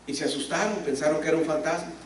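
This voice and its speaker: Pastor, male, emphatic sermon with rhetorical questions, high-pitched, heavy hall echo. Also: very fast, a little hiss or hum. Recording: echoey hall, speaker far from mic.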